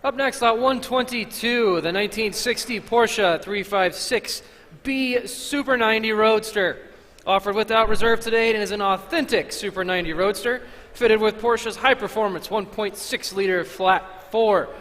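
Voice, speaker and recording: A man's voice: high-pitched, moderate pace, fairly bright tone. A man announcing auction lots, reading out scripted descriptions of each item. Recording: echoey auction hall.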